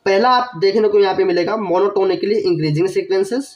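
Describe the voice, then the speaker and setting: A man's voice: high-pitched, a little slow, dull audio. A young man teaching math in an online lecture, a little unwell with a cough, explaining step by step, repeating key phrases and asking the viewer questions. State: has a cough, feeling unwell.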